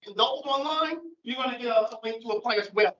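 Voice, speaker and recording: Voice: mid-range voice, quick pace, a bit bright. A recruiter speaking emphatically to an audience, checking in with "okay?". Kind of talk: casual public talk. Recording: echoey, muffled room.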